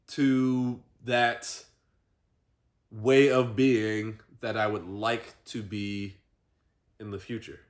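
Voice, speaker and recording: A man talking through his personal growth in a reflective vlog monologue, thinking aloud and pausing often on fillers. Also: mid-range voice. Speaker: vlogger.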